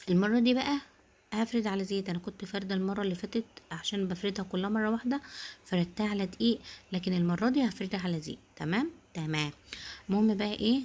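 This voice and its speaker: A woman with an Egyptian Arabic accent hosting a home cooking video, chatting casually and warmly addressing viewers as sisters while explaining each step. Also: mid-range voice. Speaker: home cooking channel host.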